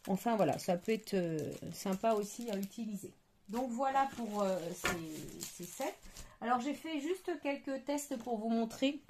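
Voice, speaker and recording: A woman chatting casually as she shows craft stamps on camera, hesitant, often pausing to search for words. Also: a little high, lively intonation, darkish tone, a little hiss or hum. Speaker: crafting vlogger. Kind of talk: casual product show-and-tell.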